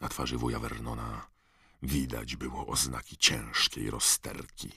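A man narrating an audiobook in expressive storytelling style. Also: extremely low pitch, a little slow, vocal fry, husky, no echo, studio quality. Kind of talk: scripted narration.

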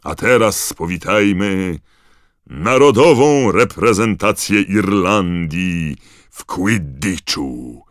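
A man voicing a booming male stadium announcer who calls out names to a crowd, in an audiobook reading. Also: expressive, slow, no room sound, clean studio sound. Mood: booming, announcing.

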